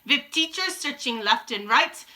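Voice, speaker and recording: A woman voicing a wicked old witch from a storybook, shouting imperiously and chanting in broken grammar as she gloats. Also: high voice, lively intonation, a little slow, exaggerated voice. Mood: gloating chant. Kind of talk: dramatic storybook read-aloud.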